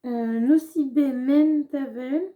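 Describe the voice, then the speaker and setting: A woman's voice: high-pitched, fairly even intonation, slow pace, narrow, tinny audio. A young woman chatting casually through a shopping haul vlog, with lots of fillers and restarts. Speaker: beauty vlogger.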